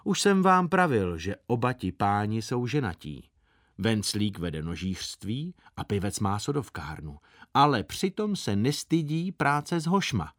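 A man reading a children's story aloud in a lively, playful way. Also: fairly low pitch, no echo, studio quality. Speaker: audiobook reader. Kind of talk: expressive storybook narration.

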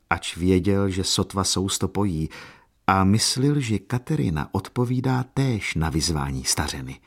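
A man narrating a literary audiobook in a measured, solemn reading voice. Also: low voice.

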